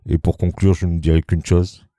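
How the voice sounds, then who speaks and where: A man reading a prepared text aloud in a slow, solemn way. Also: low voice, flat delivery, mellow, no room sound, studio quality.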